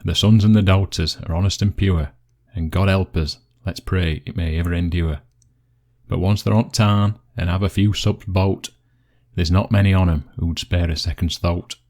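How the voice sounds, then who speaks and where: A man's voice: deep voice, steady tone, normal speed, a little mellow. A man with a West Yorkshire accent presenting and reciting dialect poetry.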